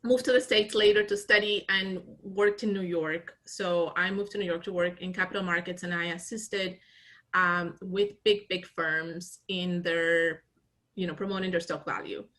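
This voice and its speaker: Bright-voiced Colombian-born businesswoman. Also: fairly low pitch, normal speed. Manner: animated storyteller, laughs often, frequent restarts. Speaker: business founder, guest. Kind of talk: casual interview conversation.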